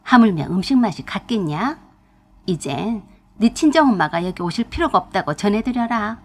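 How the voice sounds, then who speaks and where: A woman's voice: medium pitch, expressive, normal speed. A woman voicing a domineering elderly mother-in-law who scolds and talks down to her daughter-in-law in a storytelling narration. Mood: scolding.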